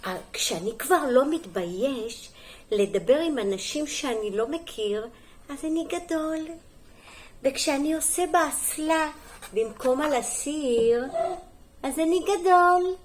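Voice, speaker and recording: A middle-aged kindergarten teacher reading a storybook aloud to young children, gentle and sing-song, pausing for little asides and questions. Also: female voice, high voice, animated, slight background noise.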